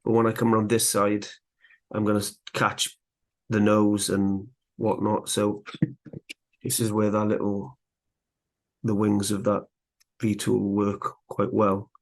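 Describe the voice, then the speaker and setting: A man teaching woodcarving live, chatting in a relaxed way as he works, a little out of breath. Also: on the low side, measured pace, pauses often. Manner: relaxed, chatty, talks while working. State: slightly out of breath. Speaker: woodcarving instructor. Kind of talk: live carving tutorial.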